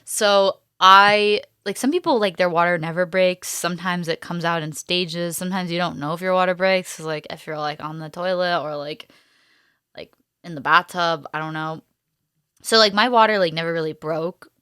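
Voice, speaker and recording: A young woman in her twenties casually telling a personal story, chatty and animated, often saying "like" and acting out what she and others said. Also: lowish voice, normal speed, clear, resonant tone, dry recording, clean studio sound. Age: 20s. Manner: chatty, heavy use of "like", animated quoting of herself. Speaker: young mother sharing her birth story.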